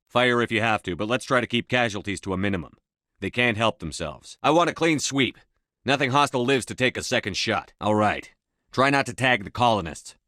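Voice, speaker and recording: A man's voice: on the low side, fairly bright tone, no room sound, clean studio sound. A man voicing a resolute military space commander in a video game, speaking in a terse, controlled, authoritative manner. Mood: measured, firm, then stern, forceful. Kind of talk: video game dialogue acting.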